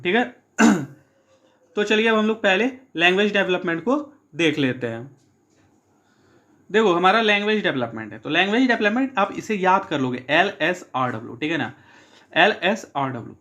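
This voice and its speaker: A male teacher giving an exam-prep lecture, reading English points slowly and then explaining them with frequent checks with his students. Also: sits high, a bit bright.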